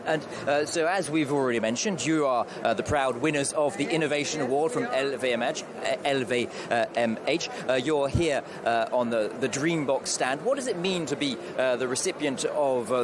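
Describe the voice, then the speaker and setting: At an expo stand, a man interviews a guest on-site in a mid-range voice at normal speed, barely pausing, yet hesitant and full of "uh" fillers. Crowd and street noise come through clearly behind him.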